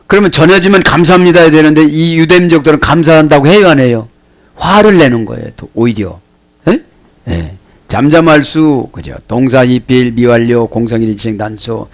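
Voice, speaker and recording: A man, a pastor giving a Bible study sermon, explaining words one by one and asking the listeners rhetorical questions. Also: on the high side.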